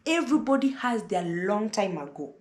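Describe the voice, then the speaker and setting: A woman's voice: mid-range voice, very animated, moderate pace, echoey room. A Kenyan woman in her thirties gives motherly advice straight to camera, lecturing and repeating herself to drive points home. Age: 30s. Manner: motherly, lecturing, repeats words and says "listen" often. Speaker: vlogger giving advice. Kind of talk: casual advice monologue to camera.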